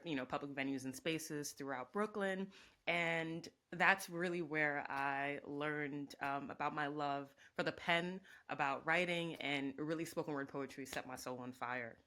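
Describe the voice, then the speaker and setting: Woman guest, thirties, low pitch, reflective, listing thoughts. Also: a little slow, pushed and bright. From Jamaica. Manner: reflective, speaks in lists with many ums. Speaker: guest, professor and organizer. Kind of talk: conversational interview.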